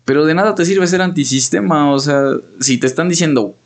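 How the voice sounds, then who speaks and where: In casual podcast conversation, a young male co-host with a Mexican Spanish accent rambles through a story full of slang and fillers. His voice sits fairly high and his pace is fairly quick.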